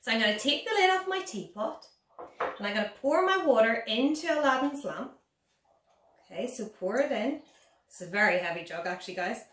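Woman, high lively voice, playful kids' party magician manner, children's presenter, distant from the mic. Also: normal speed, a little hiss or hum. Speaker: Sunday school teacher. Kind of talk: children's lesson with magic trick, storytelling. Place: dining room at home, indoors. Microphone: camera a couple of metres away. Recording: roomy, distant phone-camera recording.

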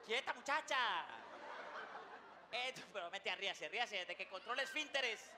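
A man's voice: high-pitched, expressive, unhurried. A man hosting a comedy show, delivering a playful, slang-heavy stand-up monologue. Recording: noisy recording.

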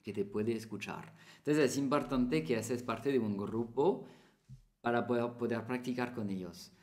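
A man's voice: medium pitch, moderate pace, darkish tone. Chatty teacher man. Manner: chatty, repeats phrases, small Spanish slips. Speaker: French teacher. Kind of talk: casual spoken lesson to camera.

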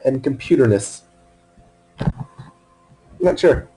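Male let's-play gamer, husky voice with a lively, swooping pitch, casual self-talk, cusses freely and yelps at surprises. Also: takes it slowly, rough recording. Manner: swearing, talking to himself, sudden excited outbursts. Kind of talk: casual game commentary. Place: alone in a room at a computer. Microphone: wearing headphones.

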